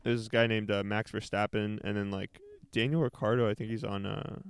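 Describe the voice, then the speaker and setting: A man's voice: fairly low pitch, little pitch movement, brisk, clean tone, no echo. Young male podcast co-host, easygoing chatter, laughs a lot, dry close mic. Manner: chatty, laughs often, trails off mid-sentence. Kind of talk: casual chat.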